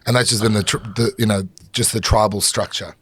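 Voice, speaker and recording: A middle-aged South African chef, a guest on a podcast, talks candidly and swears freely, full of fillers and restarts. His voice is on the low side, steady, brisk and a bit bright, slightly rough, and the recording has no echo.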